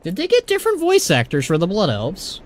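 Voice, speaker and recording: A man's voice: sits high, huge pitch swings, a little fast. A man hosting a game livestream, chatting casually and commenting as he plays. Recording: faint music behind.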